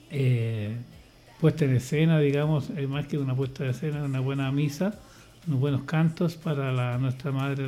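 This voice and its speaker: An older man from Chile, a church choir leader appearing as a radio guest, chats casually in a dark, mid-range voice. He rambles hesitantly, restarting often and leaning on fillers.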